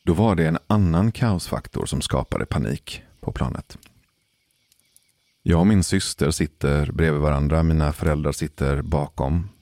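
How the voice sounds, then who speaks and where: Super deep guy with a gravelly voice, slow suspenseful storytelling, dry close mic. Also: a little mellow, dry recording. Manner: measured, deliberate pauses for suspense. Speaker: podcast storyteller. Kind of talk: casual spoken storytelling.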